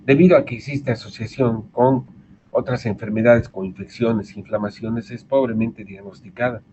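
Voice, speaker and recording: A man with a Bolivian Spanish accent teaches medicine over a video call, explaining carefully and circling back on his words. His voice sits at an ordinary middle pitch. The audio is dull and lo-fi, with a faint hiss behind it. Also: fairly even intonation, normal speed. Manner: explanatory, repeats and restarts words. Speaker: medical lecturer. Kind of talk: online medical lecture.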